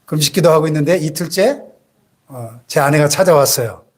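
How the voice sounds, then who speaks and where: A man's voice: a little high, animated, fairly quick, darkish tone. A man around sixty, a senior pastor preaching a sermon in a church and prodding the congregation with rhetorical questions.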